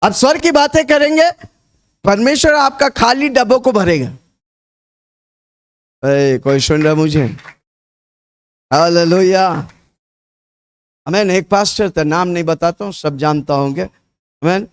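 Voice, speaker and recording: A fervent male preacher with a notably high voice for a man, pacing his sermon through vivid repeated storytelling. He keeps urging the congregation to repeat his words back, building a rousing call-and-response. Energetic and insistent. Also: a little slow, pauses often. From India. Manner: storytelling with repetition.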